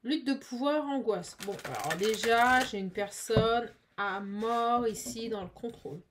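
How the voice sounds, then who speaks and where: A woman's voice: fairly high pitch, a little slow, noisy background. Chatty woman reading tarot cards. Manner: chatty, animated, with many fillers. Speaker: tarot card reader. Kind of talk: casual channeled card reading.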